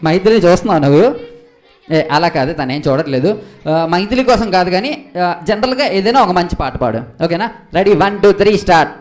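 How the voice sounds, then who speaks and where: A young man acting as straight man in a comic stage skit, questioning his partner with lively exasperation and calling out to the audience. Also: high-pitched, normal speed. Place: event stage before a live audience.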